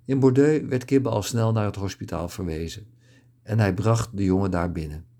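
A man calmly narrating a historical adventure story in a steady, scripted reading. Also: fairly low pitch, normal speed.

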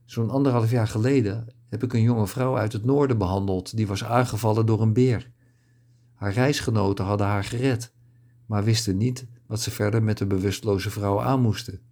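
A man voicing a thoughtful, chatty older physician in a read-aloud story, speaking in a measured, musing way. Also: lowish voice, steady tone, dark tone.

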